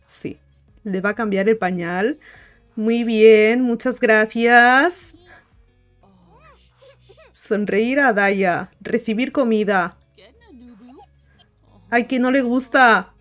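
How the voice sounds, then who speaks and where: A woman's voice: fairly high pitch, very slow, pauses often. A woman giving casual gameplay commentary, cooing and chatting to the game characters. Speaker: gaming video host. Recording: light music behind.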